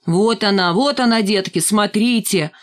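A woman voicing a mocking, shouting schoolboy bully in an audiobook reading. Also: medium pitch, unhurried, voice pushed up, natural voice. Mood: taunting. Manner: taunting, shouting.

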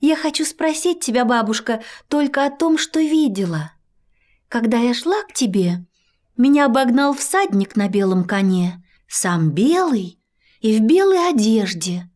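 A woman's voice: a little high, very animated, measured pace. A woman voicing a polite, timid young girl in a storybook reading. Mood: meek. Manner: soft, polite, respectful.

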